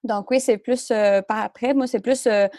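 A woman's voice: a little high, fairly even intonation, moderate pace, dark tone, dry recording, studio quality. A woman in her thirties with a Québécois French accent, a guest speaking hesitantly with frequent fillers in a casual interview. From Quebec. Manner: hesitant, many euhs, laughs often.

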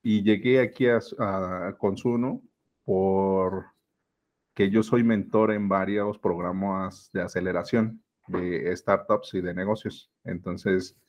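On this podcast, the Mexico City business mentor with a Mexican accent chats reflectively and hesitantly, leaning on many fillers. He sounds low, a little mellow, fairly even in intonation and slow, and the audio's highs are cut off.

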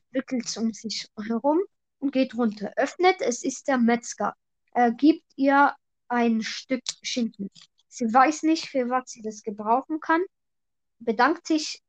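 High-pitched woman hosting a chatty joke podcast, dull lo-fi mic, kinda robotic echo. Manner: eager storyteller, explains her punchlines. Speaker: podcast host. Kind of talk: casual joke-telling chat.

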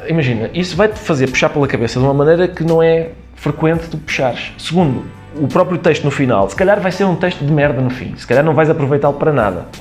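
A man's voice: fairly high pitch, lively intonation, fast, hardly any pauses, soft background music. A man with a European Portuguese accent, a comedian being interviewed, explaining his ideas with examples and quoted asides. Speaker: comedian guest. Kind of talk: conversational interview.

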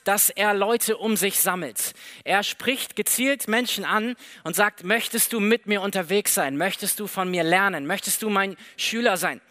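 A man preaching a sermon in a lively, conversational way, acting out the dialogue of the story as he tells it. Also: high voice. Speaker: pastor.

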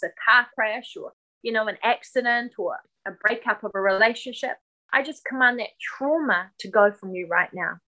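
Woman minister, deliverance prayer, bright and forceful, repetitive commands. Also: medium pitch, low-quality recording.

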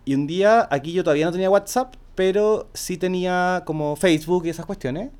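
A man's voice: sits high, a little fast, clean tone. Slangy young Chilean man telling a story. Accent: Chilean Spanish. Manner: slangy, animated, acts out quoted speech. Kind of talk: casual storytelling chat.

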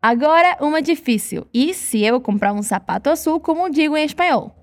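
A Brazilian woman teaching Spanish pronunciation in a scripted lesson, saying model words slowly for repetition. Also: sits high, lively intonation.

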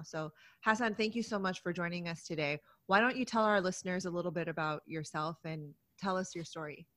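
A woman's voice: lowish voice, bright, forceful tone, no echo. A woman co-hosting a podcast, introducing the show and a guest in a friendly way. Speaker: podcast co-host.

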